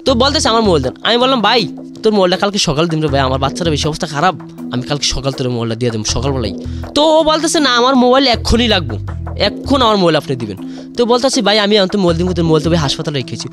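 A man's voice: on the high side, big pitch swings, racing, over music. A young man, rambling through an emotional personal story as a radio caller and saying "brother" again and again. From Bangladesh. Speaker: caller sharing a confession.

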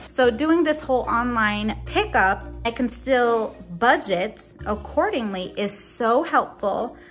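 A woman's voice: on the high side, fairly bright tone. A woman in her thirties chatting casually to a phone camera in a small room at home, filling her talk with ums and likes. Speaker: budgeting vlogger. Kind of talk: casual vlog chat to camera. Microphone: phone camera held at arm's length.

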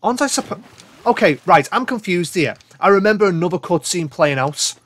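A man's voice: high-pitched, lively intonation, a little fast, a bit bright, slight background noise. A man hosting a let's-play, chatting casually and swearing freely as he plays. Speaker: gaming channel host.

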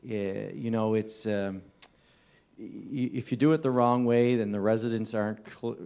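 Gravelly low-voiced man giving a council report. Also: fairly even intonation, mellow. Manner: halting, with many fillers and restarts. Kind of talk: formal council report with ad-libbed remarks. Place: council chamber.

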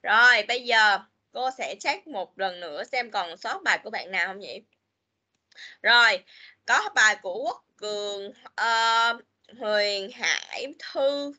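Casting: woman, children's teacher on a video call, bright, slightly high voice, chatty. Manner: chatty, repeats "rồi", mixes English words into Vietnamese. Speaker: English teacher. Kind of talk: online class teaching children.

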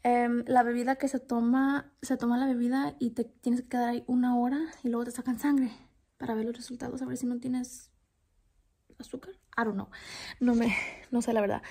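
Breathless pregnant woman with a high, joking voice. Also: vocal fry, a little mellow, breathy edge. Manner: joking, switches between Spanish and English. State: heavily pregnant, short of breath. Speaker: vlogger. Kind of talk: casual vlog chat.

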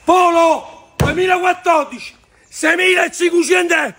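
A man with a Neapolitan accent, loudly rattling off used car prices in a shouted sales pitch. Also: fairly even intonation, normal speed, vocal fry, background noise. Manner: loud, urgent, rattling off prices.

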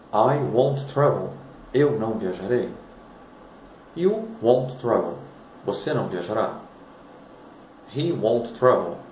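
A man, a native Portuguese speaker, teaching English in a scripted lesson, reading example sentences slowly and dropping his voice on the translations. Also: darkish tone, roomy sound, slight background noise, low-quality recording. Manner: slow deliberate reading of example sentences, drops pitch on translations.

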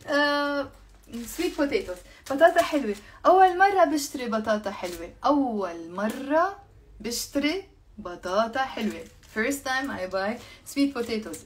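A woman with a Lebanese accent teaches Arabic words at an unhurried pace, saying each one several times and switching between English and Arabic. Her voice sits somewhat high and stays friendly and plain. A faint hiss runs under the recording. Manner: reads out viewers' comments and thanks them. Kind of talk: casual live language lesson.

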